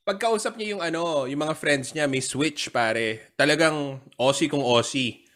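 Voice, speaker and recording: A man's voice: on the high side, measured pace. A man hosting a casual chat over a call, telling stories with jokes and frequent laughter. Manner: joking, laughs often, animated storytelling. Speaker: podcast host.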